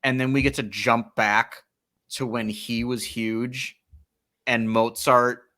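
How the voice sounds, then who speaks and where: A man holds forth in a relaxed movie-review chat, his voice at an ordinary middle pitch. He wanders through his points, padding them with "like" and "um" as he goes. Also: takes it slowly. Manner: rambling, many likes and ums. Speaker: podcast co-host. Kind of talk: casual film discussion.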